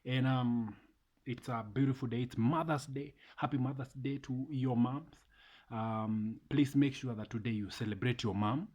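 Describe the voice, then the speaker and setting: A man, talking casually and warmly to viewers in a motivational vlog, repeating phrases for emphasis. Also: mid-range voice, fairly even intonation, normal speed, muffled recording. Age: 30s. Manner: repeats phrases, mixes in Swahili. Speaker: vlogger.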